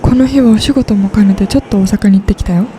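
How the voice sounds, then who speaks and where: A woman's voice: medium pitch, quick pace, background noise. A woman in her twenties chatting casually in a vlog voice-over, upbeat and gushing about things she loves. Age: 20s. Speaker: vlogger. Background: background music.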